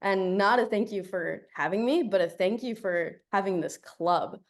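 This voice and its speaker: A young Colombian woman, a native Spanish speaker, gives a chatty, upbeat guest talk over a video call. Her mid-range voice moves at a normal speed, and she laughs often.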